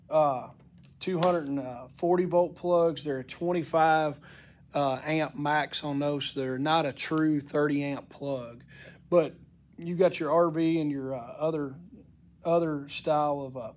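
Give me a middle-aged man reviewing gear in his workshop, with a somewhat high voice for a man. He sounds stuffed up and his voice cracks. His delivery is casual, folksy and unscripted. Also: darkish tone. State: congested, voice cracking from sinus infection and allergies. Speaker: product reviewer. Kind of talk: casual unscripted product walk-through. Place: indoor wooden-shelved workshop.

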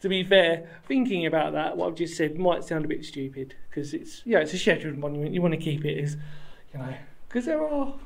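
A man's voice: a little high, lively intonation, a little fast, creaky. A man in his thirties talks to a handheld camera while exploring a sandstone cave in woodland, rambling enthusiastically and correcting himself as he goes. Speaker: history explorer vlogger. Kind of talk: walking vlog to camera. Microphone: handheld camera at arm's length.

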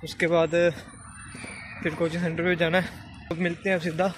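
A man's voice: a little high, flat delivery, normal speed, background noise. A young man from Haryana chatting casually in a daily vlog, giving running commentary to a handheld phone camera. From Haryana, India. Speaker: vlogger. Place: kitchen, then outdoors on streets. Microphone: phone at arm's length.

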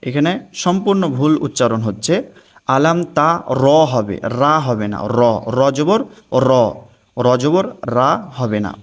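Male Quran teacher, slightly high voice, unhurried, patient repetition. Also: a bit bright. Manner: slow, measured, repeats words for listeners to echo. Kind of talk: religious recitation lesson.

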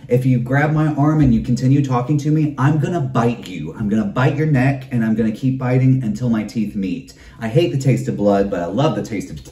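A man's voice: mid-range voice, a little mellow. A man hosting his own videocast, delivering a campy, profane comedic rant and calling listeners darling. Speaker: videocast host. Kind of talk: comedic ranting monologue. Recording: roomy, distant mic.

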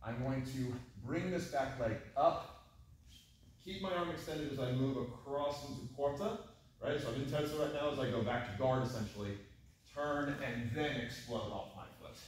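A man giving an instructional fencing demonstration, explaining movements and breaking them into short, crisp commands. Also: mid-range voice, normal speed. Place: large echoey indoor training hall. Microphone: distant camera microphone. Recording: very echoey room, distant mic, faint noise.

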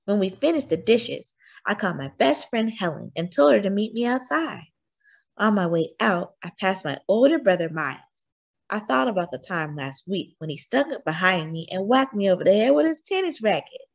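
A woman reading a children's picture book aloud as a teacher, expressive and animated. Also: medium pitch, normal speed, vocal fry. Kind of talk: children's storybook read-aloud.

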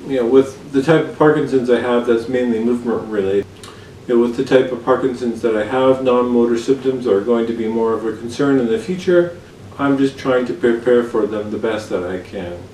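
Candid man in a roomy, distant recording. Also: medium pitch. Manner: candid, relaxed, with frequent fillers and pauses. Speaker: vlogger. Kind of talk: casual personal vlog. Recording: roomy sound from a distant mic with faint background hiss.

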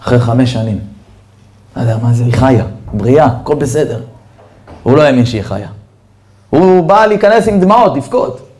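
A man, a rabbi, giving a storytelling sermon in an animated way and speaking straight to his listeners. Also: medium pitch, pauses often. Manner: animated storyteller who addresses listeners directly. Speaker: rabbi giving a Torah lesson.

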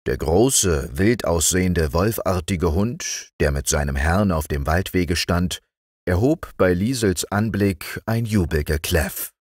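Deep-voiced man reading a bedtime story. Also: slow pace, no echo, clean studio sound. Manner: calm, expressive storytelling. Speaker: audiobook reader. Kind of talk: bedtime audiobook narration.

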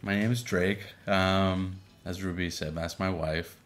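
A man from Boston in his thirties, co-hosting a casual podcast with his wife, relaxed and full of fillers. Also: low voice, unhurried. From Boston, Massachusetts. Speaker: podcast co-host. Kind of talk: casual chat.

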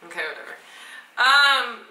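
A woman's voice: on the high side, expressive, normal speed, bright, forceful tone, reverberant, recorded from a distance, poor audio. A woman co-hosting a vlog in casual chat, filling her talk with "like". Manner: chatty, heavy use of "like". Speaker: vlog co-host.

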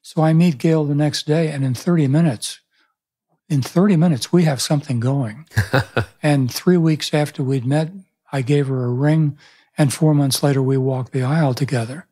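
Husky and dark in tone, this older man's voice is a little high, steady, and moderately paced. In his seventies and working as a pastor and author, he tells stories thoughtfully during a reflective interview, frequently restarting what he's saying. The setting is a small room indoors, with a boom-arm studio mic.

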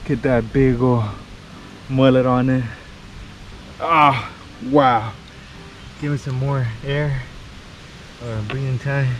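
Excitable fishing guy on a windy boat. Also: medium pitch, slow pace, pauses often, highs cut off. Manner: excitable, exclamatory. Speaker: fishing vlogger. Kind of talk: casual vlog commentary. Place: small boat on a windy river outdoors. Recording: wind and boat noise behind.

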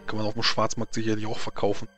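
A man's voice: fairly low pitch, monotone, fast. A man narrating a tabletop game as game master, improvising in hesitant phrases. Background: faint music.

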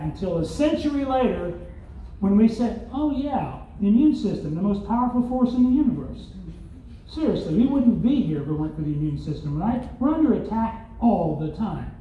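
This conference keynote comes from an older Southern-accented man from Arkansas, who poses rhetorical questions and drops wry asides in a high voice. A distant phone camera in the audience caught it, leaving the sound echoey and dull with slight background noise in the large hotel hall.

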